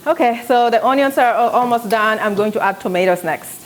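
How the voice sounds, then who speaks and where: This South Sudanese woman in her thirties talks fairly quickly in a voice on the high side, with slight background noise. Hosting a live cooking show from her home kitchen in a South Sudanese accent, she chats and tells stories while cooking, recorded by a camera on a tripod at medium distance.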